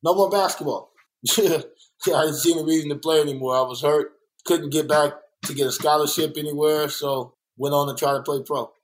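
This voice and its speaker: Man, from Los Angeles, artist being interviewed, candid, storytelling, a bit high-pitched. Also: moderate pace, low-quality recording. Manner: candid, storytelling, animated when quoting others. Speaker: artist guest. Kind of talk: casual interview talk. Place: art workspace.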